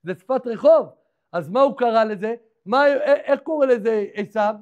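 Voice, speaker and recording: A man, a rabbi, tells a story in a sermon, constantly asking rhetorical questions and acting out the characters' lines. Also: very high-pitched. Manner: acts out the characters' dialogue in lively voices. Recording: dull lo-fi recording.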